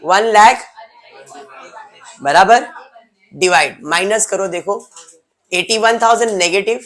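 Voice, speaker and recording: A man's voice: sits high, takes it slowly, fairly bright tone. A male teacher gives a classroom lecture, explaining step by step and teasing students by name.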